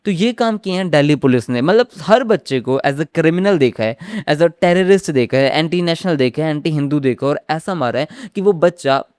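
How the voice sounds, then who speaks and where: A man's voice: on the high side, expressive, normal speed, hardly any pauses, a little mellow, clear, resonant tone, no echo, studio quality. Heated young man vlogging to camera. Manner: heated, addresses viewers directly, calls them bhai. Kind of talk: impassioned commentary on a protest.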